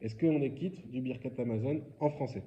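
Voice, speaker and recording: A man's voice: mid-range voice, normal speed, dull audio, a little hiss or hum. A man leading a religious quiz lesson, explaining informally and asking his students questions. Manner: informal, explanatory, asks questions then answers. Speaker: rabbi teaching a class.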